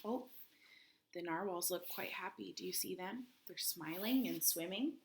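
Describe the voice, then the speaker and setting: A primary school teacher, a woman with a lowish voice, does a read-aloud for young children at a measured pace. She addresses them directly with questions and prompts, and the background is noisy.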